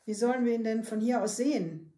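A woman reading the lines of a young boy adventurer in a children's book, in an earnest, gently pleading way. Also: fairly high pitch, a little fast, echoey room, natural voice.

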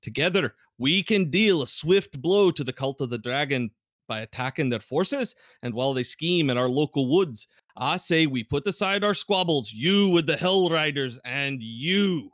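A man's voice: on the high side, fairly bright tone, no echo, studio quality, pitched above the performer's own voice. A man voicing a commanding male paladin leader who gives a rallying speech to a small gathering.

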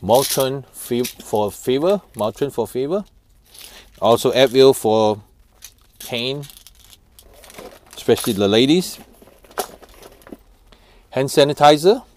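A man in his thirties giving family road-trip tips in a casual, halting way, with many fillers and restarts, recorded on a lapel mic. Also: mid-range voice, lively intonation, darkish tone, a little hiss or hum. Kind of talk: casual how-to talk. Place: office room, then parked car.

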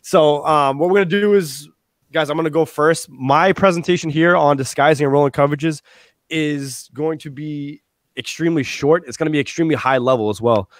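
A man's voice: on the high side, no room sound. Casual young man hosting a video call. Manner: relaxed, quick, lots of fillers and restarts. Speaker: live clinic host and high school football coach. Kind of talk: casual live-stream presentation. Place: small room at home. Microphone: earphone mic on a video call.

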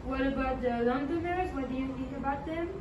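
High-voiced teen girl interviewer. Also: brisk, muffled recording. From France. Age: teens. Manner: chatty, many fillers, laughing. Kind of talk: school role-play street interview. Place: school hallway by glass doors. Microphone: handheld mic, filmed from a few meters. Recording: echoey hall, distant, noisy.

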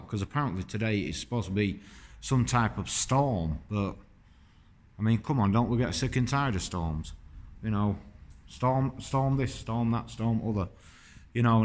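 A man's voice: on the low side, lively intonation, normal speed. Chatty man. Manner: chatty, rambling, admiring. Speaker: vlogger. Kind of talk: casual walking tour commentary. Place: inside an old stone church.

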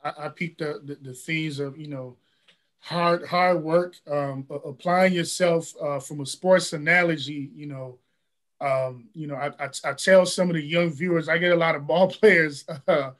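A man's voice: fairly high pitch, fairly even intonation, normal speed, a bit bright. A man hosting a podcast, asking a guest questions with a lot of "you know" and repeated words. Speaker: podcast host. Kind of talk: interview questions.

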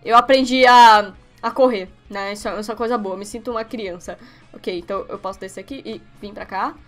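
A young Brazilian woman giving let's-play commentary on her webcam setup, excitable and quick to yelp and shriek at each slip. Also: mid-range voice, soft background music. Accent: Brazilian Portuguese. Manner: excitable, yelps and shrieks when failing. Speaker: gaming youtuber.

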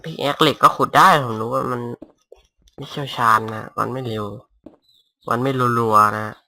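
A young man casually commentating his Minecraft game at home on a headset mic, talking softly and rambling. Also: medium pitch, moderate pace, creaky. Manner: rambling, talks softly to avoid disturbing neighbors. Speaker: gaming YouTuber. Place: home room. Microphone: cheap gaming headset mic.

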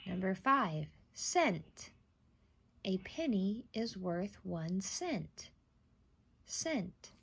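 A woman reading out a scripted spelling test as a teacher, enunciating deliberately and setting words apart. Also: medium pitch, lively intonation, vocal fry, fairly bright tone, husky. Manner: deliberate enunciation, isolating each word and repeating it.

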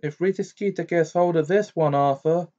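A man voicing a fast-talking bearded middle-aged wizard who speaks in a hurried, urgent way. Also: fairly high pitch, warm tone, lo-fi sound, pitched above the performer's own voice, close to an everyday voice.

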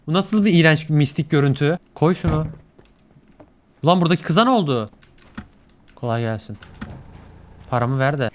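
A young man streaming a game, commenting casually to his chat, excitable and swearing often. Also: fairly high pitch. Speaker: gaming streamer.

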